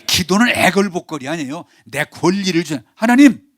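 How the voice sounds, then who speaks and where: An older man preaching a sermon as pastor, animated, acting out pleading voices and having the congregation repeat after him. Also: a little high, normal speed, no echo, studio quality.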